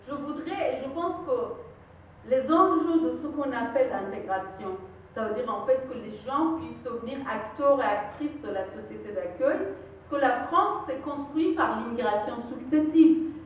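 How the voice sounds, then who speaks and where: A woman's voice: sits high, expressive, normal speed, a little hiss or hum. A woman from Iran with a Persian accent, giving an earnest, emphatic conference talk and sometimes searching for words. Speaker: lecturer. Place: conference room. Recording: echoey hall, recorded from far off, dull sound.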